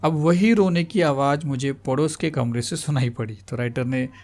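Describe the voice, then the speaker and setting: A man's voice: mid-range voice, moderate pace, a little mellow. A man teaching a school literature lesson. He explains each line again in simpler words and mixes in English words.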